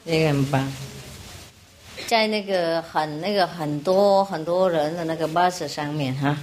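A woman's voice: low voice, measured pace, a little mellow, slight background noise. A woman teaching an audience, telling jokes in a playful, rambling way and often laughing between lines. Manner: rambling, forgetful asides. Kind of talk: joke-telling talk to an audience.

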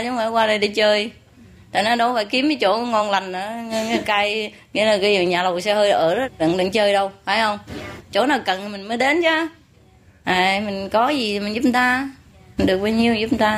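Chatty Southern Vietnamese woman teacher. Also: fairly high pitch. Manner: chatty, joking, full of rhetorical tag questions. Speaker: spiritual teacher. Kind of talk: informal teaching talk to followers. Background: audience laughter.

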